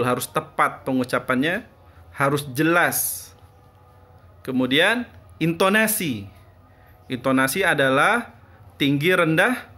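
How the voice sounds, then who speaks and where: A man's voice: on the high side, sharp tone. A man teaching a class, explaining step by step and answering his own questions as he goes. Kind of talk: classroom lesson.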